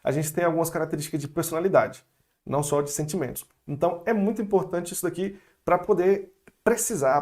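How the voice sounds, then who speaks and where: A Brazilian man teaching French vocabulary in a relaxed, chatty video lesson, stretching out words for learners to repeat. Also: fairly high pitch. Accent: Brazilian Portuguese.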